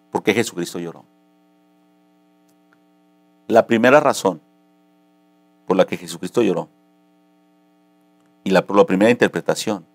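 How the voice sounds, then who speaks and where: A man pastor delivering a sermon, moving between calm teaching and impassioned, rising preaching. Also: deep voice, dry recording.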